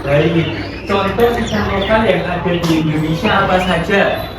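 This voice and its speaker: A man's voice: sits high, normal speed, heavy background noise. A young man teaching a primary school class, speaking directly to the pupils and asking them questions. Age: young adult. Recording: roomy classroom audio, mic far off.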